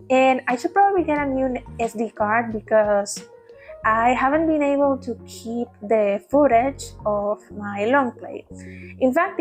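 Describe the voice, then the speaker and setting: A woman vlogging in a casual ramble, laughing often and restarting her words, recorded on a tablet at home. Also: on the high side. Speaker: vtuber vlogger. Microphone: tablet mic.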